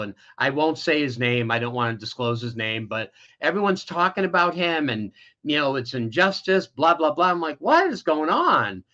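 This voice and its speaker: A man's voice: mid-range voice, sharp tone, muffled recording. A middle-aged man, an interview guest, candidly telling a painful personal story with many restarts.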